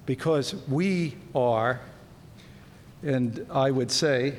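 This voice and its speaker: A man giving a lecture, speaking deliberately with frequent ums and repeating key words for emphasis. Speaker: lecturer on canon law. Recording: echoey hall with faint rumble.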